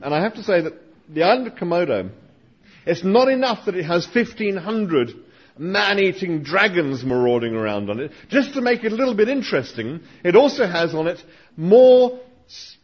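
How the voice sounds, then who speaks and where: A man with a fairly high voice tells a humorous story to a live audience, slipping in wry, dry asides. The recording sounds dull and lo-fi. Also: breathy edge. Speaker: speaker reading to a live audience.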